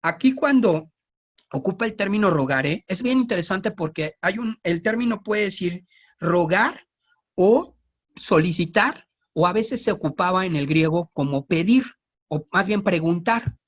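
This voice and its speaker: A man's voice: high voice, lively intonation, a little slow. A man with a Mexico City Spanish accent, teaching the Bible in a conversational way, with informal joking asides and frequent tag questions.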